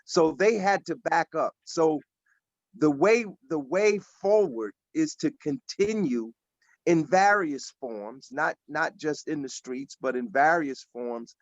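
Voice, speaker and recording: Earnest older guy in his 60s, kinda high voice, dry muffled call audio. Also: lively intonation, slow, no echo. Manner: earnest, emphatic, repeats himself. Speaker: panelist at an activist forum. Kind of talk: casual discussion on a video call. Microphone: video call. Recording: dull lo-fi video call audio.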